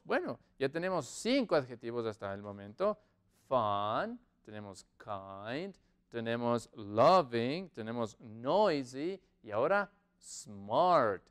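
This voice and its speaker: Man, English teacher, online lesson, slow drilling delivery, animated pitch, clear resonant voice. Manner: slow, drawn-out English model sentences between quick Spanish explanations; repeats and drills words for learners.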